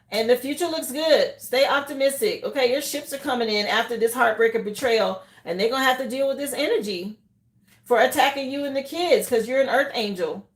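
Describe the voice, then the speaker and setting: A woman's voice: fairly high pitch, echoey room. A woman giving a live tarot reading, talking straight to her viewers with emphatic, repeated reassurances. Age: adult, mother of children. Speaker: tarot reader.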